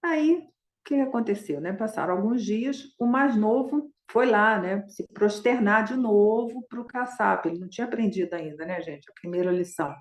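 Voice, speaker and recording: A woman's voice: medium pitch, normal speed, roomy sound. Chatty woman telling a dharma story. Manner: conversational, with a constant tag question "né?". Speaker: Buddhist dharma teacher. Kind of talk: retelling a Buddhist story in a dharma talk.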